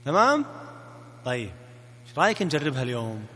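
A man's voice: mid-range voice, big pitch swings, quick pace, bright, forceful tone, long reverb tail. A man with a Gulf Arabic accent coaching listeners in a recorded self-help lesson, playfully coaxing them to repeat phrases after him. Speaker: marriage coach.

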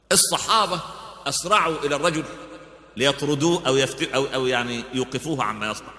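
Fast, bright male preacher in echoing hall. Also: mid-range voice. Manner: lively storyteller with frequent fillers and restarts. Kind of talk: religious lesson with storytelling. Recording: echoey hall with long reverb.

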